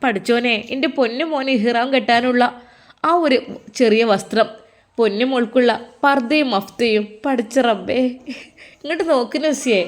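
Old mother in a storybook, doting and prayerful, raised pitch, Malappuram Malayalam accent, voiced by a woman. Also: lightly acted. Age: older. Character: older mother, tender and devout.

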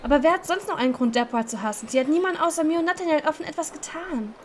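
A woman's voice: high-pitched, racing, slight background noise. Playful woman reading a game aloud. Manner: playful, laughing at her own slips. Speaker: let's-play host. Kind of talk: reading a dating game aloud, voicing every character.

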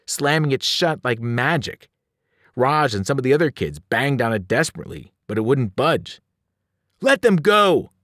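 Animated man reading a story aloud. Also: no echo, clean studio sound. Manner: animated storytelling, shifting pitch and loudness with the action. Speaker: teacher reading a novel aloud. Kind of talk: expressive read-aloud narration.

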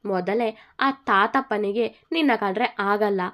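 A woman's voice: medium pitch, measured pace, a bit bright, lightly acted. A woman voicing a young man, a fond, teasing groom, in a told love story. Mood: tender teasing. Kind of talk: storytelling dialogue.

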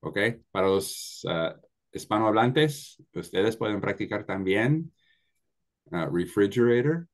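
A man's voice: on the low side, animated, normal speed. A man hosting an online language class on a video call, explaining patiently and moving between two languages.

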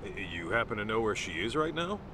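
A man's voice: lowish voice, big pitch swings, a little fast, noisy background. An actor playing a casual, direct middle-aged male detective in a video game dub. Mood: casual, easygoing. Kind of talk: English game dub acting.

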